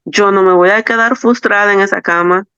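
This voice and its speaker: A woman's voice: mid-range voice, fairly even intonation, brisk, pushed and bright, clear, resonant tone, no echo. Earnest woman sharing her faith story. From El Salvador. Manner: earnest, reflective storytelling with repetition. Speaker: interview guest. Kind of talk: personal faith testimony. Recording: slightly dull, dry recording.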